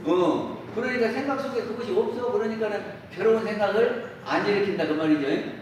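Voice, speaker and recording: A Won Buddhist minister with a high, brisk voice gives a dharma talk to a congregation in a temple dharma hall, often questioning listeners and acting out everyday remarks. The hall is very echoey, his voice sounds far off, and there's faint hiss.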